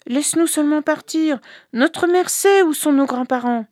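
A woman's voice: high voice, normal speed, a little mellow, no echo, studio quality, pitched above the performer's own voice, close to an everyday voice. A woman voicing eager young children pleading with a parent.

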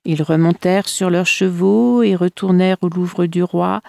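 A woman reading folk tales aloud in a measured, expressive storytelling manner. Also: on the low side, vocal fry, dry recording.

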